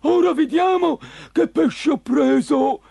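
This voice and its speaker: A man voicing a greedy, monstrous green fisherman in a children's story, gleeful and loud with hearty laughs. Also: very high voice, slow pace, vocal fry, no echo, voice pushed up, exaggerated voice. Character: ugly green gluttonous fisherman, sea-monster-like.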